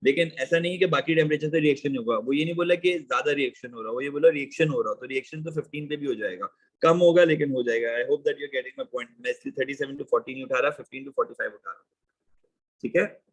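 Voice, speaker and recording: A man teaching chemistry in a live online class, reading exam questions slowly and then explaining in quick, chatty Hindi and English, often calling students "bhai". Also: medium pitch, husky, poor audio.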